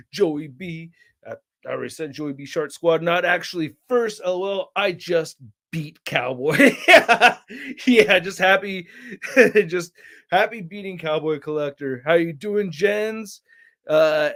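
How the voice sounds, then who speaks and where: A young man hosting a casual toy channel livestream, rambling and reading chat names aloud with excitable bursts. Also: on the high side. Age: young adult.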